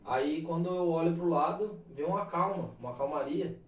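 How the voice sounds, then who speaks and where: A Brazilian man in his thirties speaks in a fairly high voice, telling a story in an animated, emphatic casual way, dropping slang fillers between phrases. He sits a little back from the mic, and the room adds a clear echo. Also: normal speed. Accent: Brazilian Portuguese. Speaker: podcast guest. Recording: roomy echo, mic at a distance.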